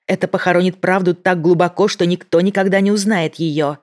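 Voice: mid-range voice, steady tone, brisk, voice pushed up, lightly acted. A reader voicing a female agent who keeps her voice in check while negotiating with a bomber. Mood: tense. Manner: controlled, pleading, restrained. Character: tense female federal agent, holding her voice steady. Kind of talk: audiobook character voice.

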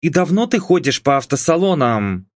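A man's voice: fairly high pitch, very animated, moderate pace, no room sound, pitched above the performer's own voice. A man voicing a young adult daughter who argues with her parents in a dry, sarcastic, reasoning tone.

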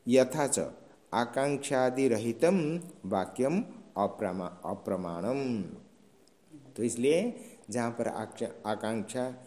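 Slow, mellow-voiced male teacher in an echoing room. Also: mid-range voice, animated. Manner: slow, patient explaining with frequent checking questions. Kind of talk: classroom lecture on Sanskrit grammar. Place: classroom. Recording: roomy echoing room sound.

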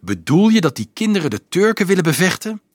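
A man reading an audiobook, voicing a teenage boy who is upset and bewildered, asking high, urgent questions. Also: very animated, quick pace, dry recording, studio quality.

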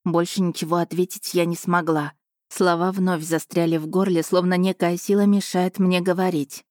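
A woman narrating an audiobook in the first person at an even, measured pace, close to the mic. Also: lowish voice, no room sound.

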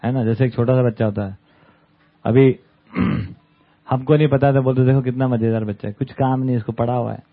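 A man's voice: mid-range voice, fairly even intonation, a little fast. A man giving a conversational talk to a study group, often checking in with little tag questions. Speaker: camp speaker. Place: camp hall with an audience. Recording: tinny phone-like sound.

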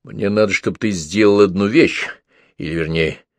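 A man's voice: lowish voice, moderate pace, no echo, close to an everyday voice. A man voicing a strict, bossy older schoolboy in an audiobook reading. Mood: stern. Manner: strict, commanding.

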